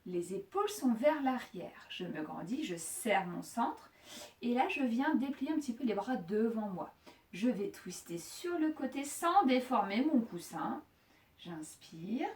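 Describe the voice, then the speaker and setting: A woman leads a Pilates session at an unhurried pace, calmly cueing inhales and exhales and slipping in playful jokes. Her voice comes from a distance in a roomy, echoing space. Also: a little high. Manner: calm counting of breaths, joking asides. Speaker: fitness instructor. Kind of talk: guiding a Pilates class. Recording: echoey room, voice from far off.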